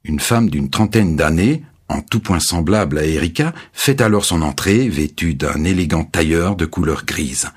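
A man narrating a graded reader story in steady, clear storytelling. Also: deep voice, normal speed, few pauses.

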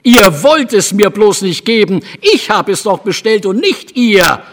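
A man putting on a stubborn little girl with a squeaky, pleading storybook voice, her pitch leaping all over. It rings out with a long hall echo, as a narrator puts her on. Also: very animated, normal speed, a bit bright, slightly rough, heavily acted. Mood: stubborn insisting. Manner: high, shrill pleading.

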